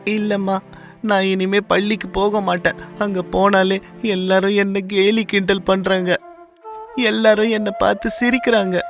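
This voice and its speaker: A man's voice: high-pitched, fairly bright tone, pitched above the performer's own voice. A man voicing an upset, stubborn young schoolboy who talks in a whiny, pleading way, in a storybook reading. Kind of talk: storybook voice acting.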